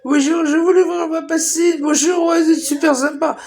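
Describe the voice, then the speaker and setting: A man mimicking a fawning, overly polite delivery man in a shrill, shouted voice. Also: level tone, moderate pace.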